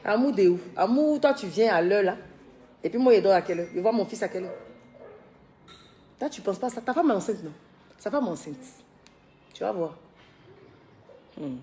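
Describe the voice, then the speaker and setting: A woman's voice: medium pitch, animated, moderate pace, pauses often, mellow. A tired woman hosting a casual live stream from her unfinished villa, chatting and teasing, reading out viewer comments. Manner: chatty, teasing, scolds workers. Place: her villa under construction.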